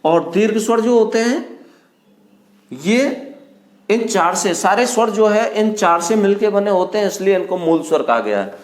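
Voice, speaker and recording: High-voiced man teaching in an echoey room. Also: lively intonation. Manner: asks the class questions and answers them himself, addresses students as beta; draws vowels out slowly to show their length. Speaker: Hindi grammar teacher. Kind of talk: classroom lecture. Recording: echoey classroom.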